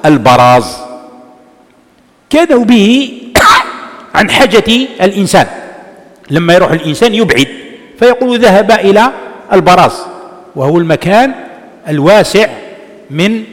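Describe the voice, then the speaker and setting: A man's voice: sits high, sing-song, moderate pace, long pauses. Man teaching, reverberant hall. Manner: explanatory, poses rhetorical questions and answers them himself. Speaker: religious teacher. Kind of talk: classroom lesson explaining a hadith text. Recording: long reverb of a large hall.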